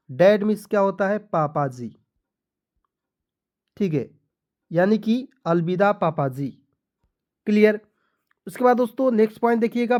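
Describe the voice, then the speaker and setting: A man's voice: high-pitched, darkish tone. Patient man teaching beginners. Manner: asks questions and answers them himself, spells words letter by letter; patient, repetitive explaining. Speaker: English teacher. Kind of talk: spoken lesson for beginners.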